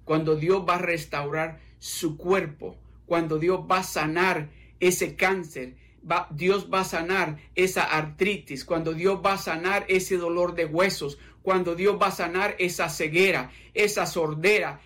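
A man's voice: sits high, fairly even intonation, a little slow, a bit bright. A man preaching a midweek sermon, fervent and repetitive, speaking directly to his listeners. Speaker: pastor.

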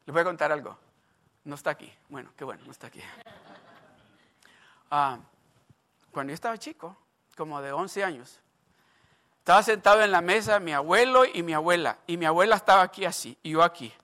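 A man's voice: a little high, a little fast, long pauses, pushed and bright. An older man preaching a sermon, emphatic and repetitive, asking the congregation questions and telling stories from his own life. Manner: storytelling asides.

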